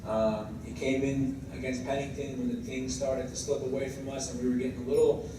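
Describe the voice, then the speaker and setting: A man's voice: mid-range voice, level tone, a little fast, mellow. Echoey, distant American man giving a coach's speech. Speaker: high school baseball head coach. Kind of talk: semi-scripted tribute speech at an awards event. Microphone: distant microphone. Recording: very echoey room, distant mic, clear background noise.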